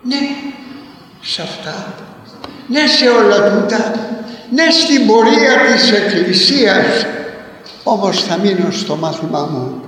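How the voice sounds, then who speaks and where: A man's voice: sits high, long pauses, a bit bright. An older man from Corfu giving a sermon, telling stories and stacking up repeated lists of words. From Corfu, Greece. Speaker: preacher. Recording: very echoey hall, voice from far off.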